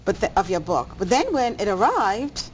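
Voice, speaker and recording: A woman's voice: mid-range voice, sing-song, normal speed. A woman hosting a cable TV interview, hesitating with many ums and restarts. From Bahamas. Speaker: talk show host. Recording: dull audio, faint noise.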